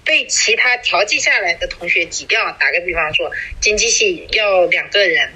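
Husky bright-toned woman rambling casually. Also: on the low side, lively intonation, normal speed, low-quality recording. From small city in China. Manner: rambling, many fillers and restarts. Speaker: podcast co-host. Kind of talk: casual chat.

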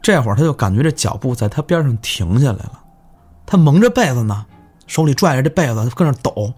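A man's voice: mid-range voice, fairly quick, breathy edge. Guy telling creepy village stories, voice jumps all over, music faint underneath. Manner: animated, swears in surprise, stammers in quotes. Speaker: guest storyteller. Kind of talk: casual spooky storytelling.

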